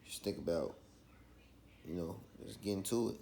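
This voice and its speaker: A low-voiced man with a Chicago accent tells his story casually. His voice has a heavy gravelly creak, and he talks in street slang, often tagging his phrases to check that the listener follows. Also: moderate pace, warm tone, slight background noise. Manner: slangy, with frequent checking tags like "you feel me". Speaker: vlogger.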